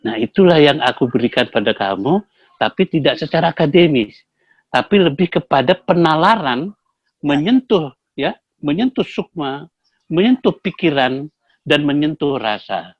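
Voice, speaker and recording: A man's voice: a little high, sing-song, moderate pace, dry recording. An older man, a veteran acting teacher, talking casually and telling stories, acting out the voices of his students. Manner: storytelling, acting out quoted students with shifting voices. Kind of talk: casual talk show conversation. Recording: dry, dull lo-fi sound.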